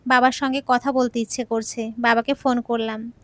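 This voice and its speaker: A woman's voice: a little high, flat delivery, moderate pace, a bit bright, no room sound. A woman telling an emotional audio story in the first person, earnest and sorrowful, on a close mic.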